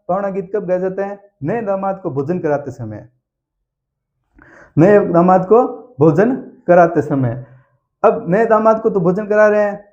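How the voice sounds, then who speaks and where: A male teacher, telling a story to teach exam facts and drilling key answers by repeating them. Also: high-pitched. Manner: animated storyteller who acts out aunts and sings snatches of songs. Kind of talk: exam-prep lesson with storytelling. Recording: slightly dull lo-fi recording.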